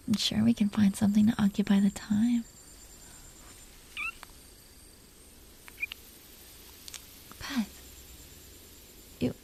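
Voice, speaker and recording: Playing a smitten, protective dragon queen in an intimate romantic audio roleplay, a woman talks in a soft, breathy, often near-whispered voice that is gravelly and husky at a medium pitch. Her slow, confiding delivery is both affectionate and teasing.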